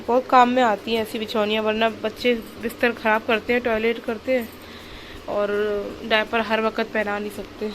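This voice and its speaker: A woman's voice: on the high side, flat delivery, moderate pace, a bit bright, slight background noise. Chatty woman vlogging her chores. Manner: chatty, explains each household task step by step. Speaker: family vlogger and mother. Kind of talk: casual chat to camera. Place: home, doing laundry and cooking in the kitchen.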